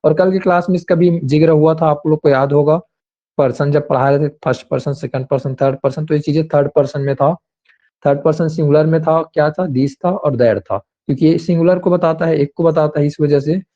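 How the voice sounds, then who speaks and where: A man's voice: a little high, a little fast, mellow, lo-fi sound. A man teaching an English grammar class online, explaining patiently and repeating examples with many fillers.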